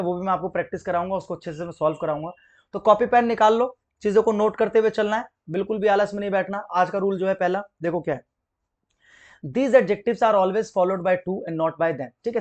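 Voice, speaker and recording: A young male teacher runs an exam-prep grammar lesson at a quick clip. His voice sits high for a man, and he keeps asking whether his students follow him. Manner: explains step by step, keeps checking understanding. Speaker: English teacher.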